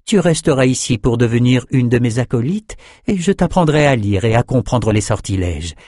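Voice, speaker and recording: A man's voice: mid-range voice, expressive, moderate pace, a little mellow, no echo, studio quality, natural voice. A man voicing an imperious, possessive woman who heads a circle of scholars, speaking with condescending sweetness. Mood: patronizing.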